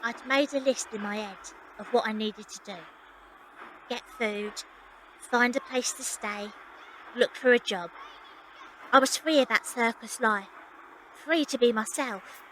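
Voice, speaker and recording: A young woman, the lead actress and narrator of a first-person audio drama, plays a plucky Victorian circus runaway telling her own story in a reflective, wry mood. Her voice is fairly high and fairly bright, unhurried with frequent pauses. The recording is low-quality, with slight background noise.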